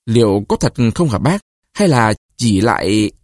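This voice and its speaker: A man's voice: medium pitch, sing-song, moderate pace, darkish tone, no echo, clean studio sound. A man voicing a proud, anxious old male villager in a read-aloud short story, stammering when shaken. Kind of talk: audiobook reading of a short story.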